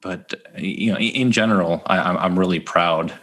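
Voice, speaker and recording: A man's voice: deep voice, fairly bright tone. A man who writes songs, talking in a casual interview with frequent restarts and fillers. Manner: halting, many restarts and fillers. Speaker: songwriter guest.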